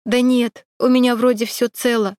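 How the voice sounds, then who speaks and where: A woman's voice: fairly high pitch, level tone, moderate pace, darkish tone, no echo, clean studio sound, pitched above the performer's own voice, natural voice. A woman voicing a tearful young woman who sobs while she talks. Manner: upset, tearful. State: sobbing.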